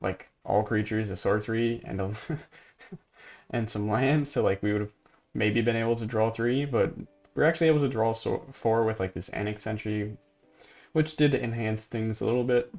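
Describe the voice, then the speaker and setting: A man hosting a gaming channel, casually commenting on gameplay and thinking aloud in a relaxed, sleepy way. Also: fairly low pitch, normal speed, muffled recording, soft background music. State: sleepy, yawning.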